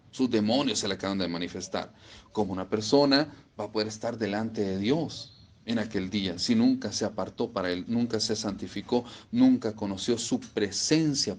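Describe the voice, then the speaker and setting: A man preaching a sermon, emphatic and repeating phrases for stress. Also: on the low side.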